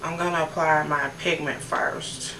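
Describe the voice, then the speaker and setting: In a low-pitched voice with fairly even intonation and a measured pace, an American beauty vlogger in her late thirties narrates a makeup tutorial, chatting casually and informally with viewers. A distant mic gives a roomy sound with noticeable background noise.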